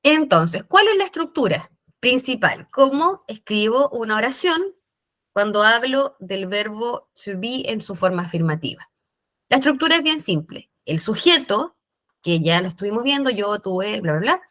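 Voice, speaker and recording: A woman's voice: a little high, lively intonation, moderate pace, fairly bright tone. A woman teaching English grammar in a recorded lesson, explaining step by step with patient checks.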